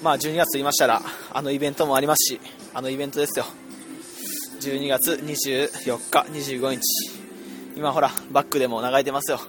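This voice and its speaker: A man's voice: medium pitch, level tone, a little fast, over music. Chatty young man hosting in a store. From Fukui, Japan. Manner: self-deprecating, chatty, laughing often. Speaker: radio show host. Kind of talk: casual walk-and-talk radio chat. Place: inside a department store. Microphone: earphone mic held between two people.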